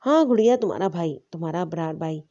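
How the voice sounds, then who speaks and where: Woman voicing affectionate older brother, gentle, mellow, lo-fi. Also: on the low side, animated, creaky, voice pushed down. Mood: tender. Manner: tender, affectionate. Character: caring older brother, young man.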